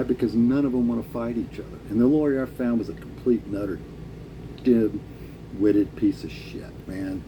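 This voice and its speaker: A man's voice: lowish voice, noisy background. A middle-aged man with an American accent talking casually and opinionatedly in a blunt, salty biker style. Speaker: vlogger answering a viewer's question.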